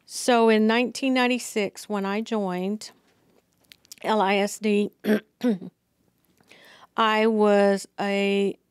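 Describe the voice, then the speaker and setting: A middle-aged woman talking as an interview guest in a small studio, unhurried and full of fillers. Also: mid-range voice, steady tone, clean tone, no room sound. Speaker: district receptionist, guest. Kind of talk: casual interview. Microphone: podcast mic on boom arm.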